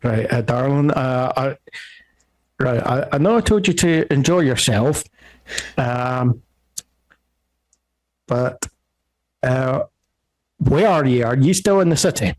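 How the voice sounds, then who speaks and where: A grumpy seventy-year-old father on the phone, as a man puts him on for a tabletop game. He talks slowly, halting and stumbling over fillers, in a middle-pitched everyday voice. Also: animated, a little mellow, no echo, poor audio. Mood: worried. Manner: slow, hesitant, full of fillers.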